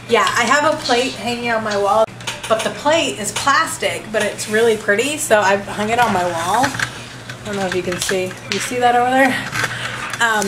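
Chatty woman in an echoey kitchen. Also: on the high side. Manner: rambling, chatty, thrifty. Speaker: vlogger. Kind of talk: casual grocery haul chat. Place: home kitchen, indoors. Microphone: camera mic at table distance. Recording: echoey kitchen with background noise.

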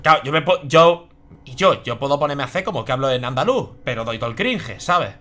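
Spanish man, young adult, game streamer; lively swooping delivery, bright tense tone, swears freely. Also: medium pitch, brisk. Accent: Spain. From Spain. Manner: chatty, swears freely, reacts aloud. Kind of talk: live gameplay commentary.

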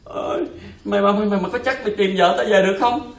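A man's voice: high voice, racing, creaky. An actor playing a vain, stingy male philosopher master in a comic stage play, blustering and stammering when flustered. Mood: haggling. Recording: echoey stage recorded from far off.

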